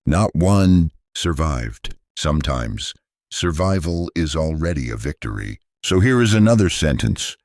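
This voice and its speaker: Male English teacher, extremely deep voice, dry close sound, gentle soothing delivery for a repeat-after-me lesson. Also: dry recording. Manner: gentle, soothing, deliberate phrasing.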